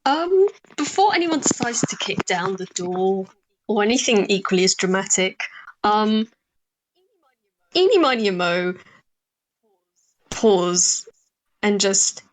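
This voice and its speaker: A woman's voice: medium pitch, very animated, slow pace, long pauses, poor audio. A woman talking casually as she narrates and plays a tabletop roleplaying game.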